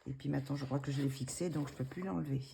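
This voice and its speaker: Low gravelly woman, hesitant. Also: very fast, mellow, slight background noise. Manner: hesitant, many fillers and restarts, self-deprecating. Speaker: coloring book vlogger. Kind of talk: casual show-and-tell of her coloring books.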